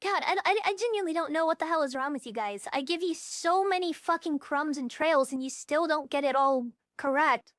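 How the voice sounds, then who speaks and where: Brisk and barely pausing, a young woman streams live as a VTuber, her high-pitched voice fairly bright through a voice changer lowered to a more natural tone. Her casual chat is blunt, profane and scattered, and the studio-quality sound has no room tone.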